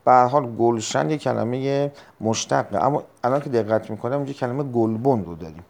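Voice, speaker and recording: A man teaching a recorded test-prep lesson, explaining step by step, repeating key terms and clearing his throat often. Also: medium pitch, darkish tone. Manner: frequent throat clearing and hesitations.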